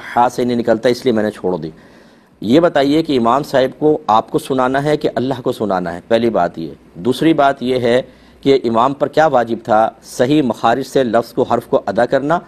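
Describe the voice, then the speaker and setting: A middle-aged man, a mufti who answers viewers' religious questions in a calm, measured, explaining way, gently urging his listeners. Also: mid-range voice. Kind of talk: religious Q&A talk show.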